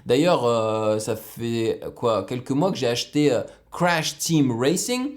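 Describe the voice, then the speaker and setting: A man giving casual, excitable reaction commentary on a music video, explaining the production as he goes. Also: medium pitch, takes it slowly. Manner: excitable, bursts into exclamations.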